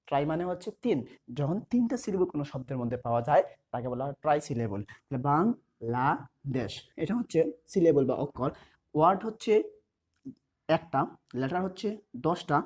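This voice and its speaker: Husky-voiced male teacher. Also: a little high, dark tone. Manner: repeats key terms slowly, dictating as he writes. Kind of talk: explanatory class lesson.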